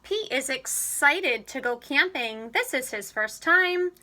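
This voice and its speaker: A woman reads a picture book aloud for young children. Her voice is bright and fairly high, with lively swings in pitch as she tells the story expressively. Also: takes it slowly. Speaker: storybook reader.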